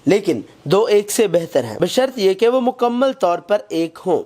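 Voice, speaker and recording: A man reading a scripted Bible lesson in a measured, even way, quoting scripture as he goes. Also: high-pitched. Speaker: Bible study narrator.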